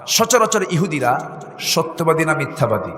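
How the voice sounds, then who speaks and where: Bright-voiced Bangladeshi preacher in echoing hall. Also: male voice, fairly high pitch, very animated, moderate pace. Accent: Bangladeshi Bengali. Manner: rhetorical questions to the audience, melodic chanting of Arabic. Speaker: Islamic preacher. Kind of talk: Bengali waz sermon storytelling. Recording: echoey hall with faint music.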